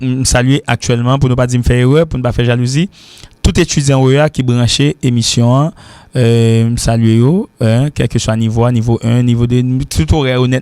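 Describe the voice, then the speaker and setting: A man with a Haitian accent teaching an informal English lesson, who repeats words slowly to drill their pronunciation. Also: medium pitch, darkish tone, no echo. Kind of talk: informal lesson mixing French and Creole.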